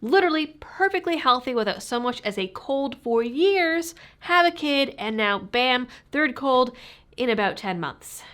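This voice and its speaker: A woman hosts political commentary while sick with a cold, her voice muffled and stuffy as though through a fishbowl. Her pitch sits on the high side and moves in lively, animated swings. She delivers scripted lines with a pointed, sarcastic edge. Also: unhurried, a little hiss or hum. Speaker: political commentary channel host.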